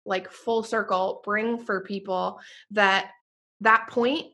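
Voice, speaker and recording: Bright, effusive woman podcast host. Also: mid-range voice, fairly even intonation, takes it slowly. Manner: earnest and effusive, peppered with "like" and casual swearing. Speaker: podcast host and fitness business owner. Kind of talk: heartfelt casual podcast conversation.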